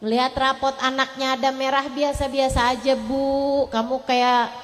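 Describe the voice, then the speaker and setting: A woman preacher, giving an emotive sermon that moves between loud pleading and soft tender passages. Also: high voice, level tone, normal speed, big-room sound, soft background music. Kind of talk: religious sermon.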